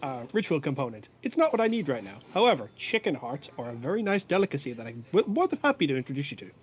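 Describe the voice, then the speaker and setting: A man's voice: a little high, sing-song, fast, breathy edge. A man playing in a tabletop game, casual and stammering with restarts. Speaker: player. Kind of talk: casual tabletop role-play.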